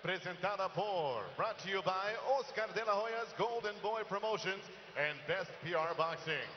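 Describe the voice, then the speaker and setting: A man announces fights in the ring in a high-pitched voice, switching between Spanish and English. He stretches names like a showy lucha libre announcer. The sound echoes through a noisy arena and is slightly dull. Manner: booming showman delivery with drawn-out names, like a lucha libre announcer. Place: boxing ring in an indoor arena. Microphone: handheld microphone.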